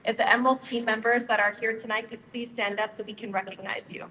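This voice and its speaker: Her voice sits on the high side and moves fast, with fairly even intonation. She's a young woman from Utah who co-founded a nonprofit, cheerfully giving a prepared speech and talking directly to a community crowd in a reverberant hall with faint ambient sound.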